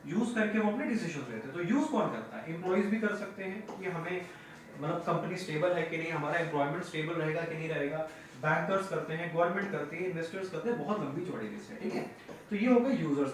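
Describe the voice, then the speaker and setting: A high-pitched male teacher lectures on audit terms, asking his class questions and answering them himself. His voice rings through a very echoey room, picked up from a distance with faint noise behind. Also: expressive, fast.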